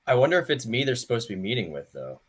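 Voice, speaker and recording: A man chatting casually as a tabletop game player, low-key and a little hesitant. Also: sing-song, very fast, breathy edge. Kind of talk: casual chat.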